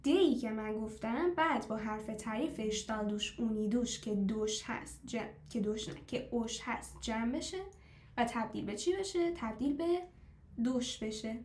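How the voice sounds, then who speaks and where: Female teacher, slightly high voice, patient stepwise explainer who quizzes her class; echoey room. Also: a little mellow, a little hiss or hum. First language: Persian. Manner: explains step by step, asks the class questions; slows down to model foreign phrases. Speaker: language teacher. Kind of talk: live online class.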